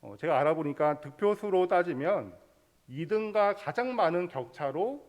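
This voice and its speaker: Korean pastor preaching, lively pitch. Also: male voice, normal speed. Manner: explanatory, leads congregation in scripture reading. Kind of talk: sermon.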